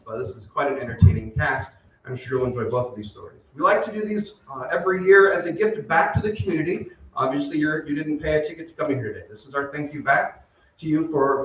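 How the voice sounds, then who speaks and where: A middle-aged community theater director gives an informal, off-the-cuff welcome speech from the stage to an audience. His voice is on the high side, and the recording is muffled and distant in a very echoey hall with slight background noise.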